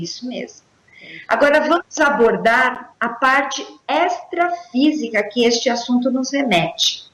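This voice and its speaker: A woman co-hosting a paranormal talk show, reading her commentary slowly and deliberately. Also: on the high side. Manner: slow, deliberate read-aloud delivery. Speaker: co-host. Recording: roomy echoey sound.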